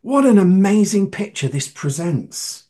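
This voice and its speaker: A man delivers a sermon in a husky voice, his pitch rising and falling in a lively way. He speaks slowly and keeps asking his listeners direct questions, with strong emphasis. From northern England. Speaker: preacher.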